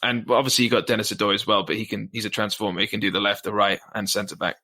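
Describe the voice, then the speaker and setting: A man's voice: fairly low pitch, steady tone, fast, pushed and bright. A man giving rambling, hedging opinions as a panelist on a casual football fan podcast.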